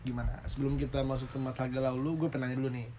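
A man's voice: mid-range voice, flat delivery, very fast, warm tone. A young man with a Jakarta Indonesian accent co-hosting in casual, slangy banter, joking and teasing. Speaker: podcast co-host. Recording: clearly noisy background.

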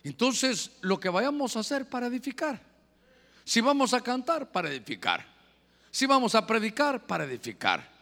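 A man preaching a sermon, calling his listeners brother and asking them questions, moving between loud emphasis and quiet asides. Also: very high voice, very animated, moderate pace. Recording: long reverb of a hall.

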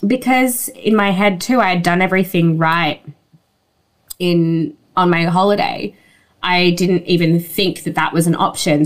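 Lower-pitched woman chatting candidly. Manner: informal, conversational, peppered with "like" and "you know". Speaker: interview guest. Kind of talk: candid personal storytelling, casual chat.

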